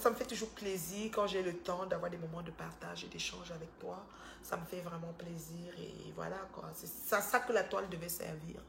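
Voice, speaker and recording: A woman's voice: fairly low pitch, gravelly. A woman hosting a live stream, chatting casually and animatedly to her followers, repeating words as she goes. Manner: animated, repeats words, talks straight to viewers. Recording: roomy echo with faint background noise.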